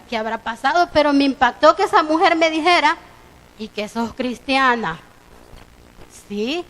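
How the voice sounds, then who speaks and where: A woman's voice: high voice, rough recording. A woman with a Salvadoran Spanish accent preaching a sermon, retelling conversations as she goes. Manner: storytelling, quoting conversations with lively voicing. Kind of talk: sermon with retold dialogue. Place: church.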